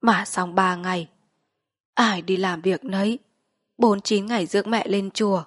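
A woman voicing a dying elderly mother who gives calm, firm instructions about a frugal funeral. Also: mid-range voice, unhurried, no echo, studio quality, natural voice.

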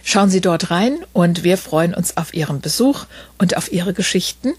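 A woman's voice: fairly low pitch, animated, normal speed, slightly rough, dry recording. A woman hosting a podcast, reading a story aloud and then interviewing a guest with eager questions and many fillers. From Berlin.

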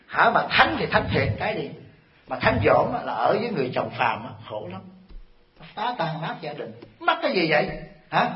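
A man giving a Buddhist sermon to an audience, telling stories and firing rhetorical questions at his listeners in an animated, scolding way. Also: on the high side. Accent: Vietnamese. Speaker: Buddhist monk teacher. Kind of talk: dharma talk sermon. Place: temple hall. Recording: echoey hall, dull lo-fi sound.

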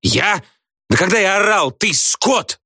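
A man voicing a loud, rude, quarrelsome teenage boy who shouts insults. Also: mid-range voice, lively intonation, quick pace, breathy edge, no echo, clean studio sound, voice pushed up. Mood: shouting.

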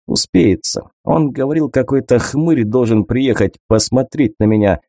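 A man's voice: mid-range voice, normal speed, dark tone, dry recording, natural voice. A male audiobook reader voicing a sardonic young male army officer who talks in a dry, curt way.

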